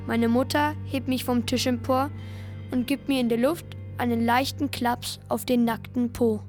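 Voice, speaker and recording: A woman's voice: on the high side, steady tone, a little slow, a little mellow, faint music behind, natural voice. A woman voicing a frightened, guilt-ridden boy who narrates earnestly in the first person. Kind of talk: radio play narration.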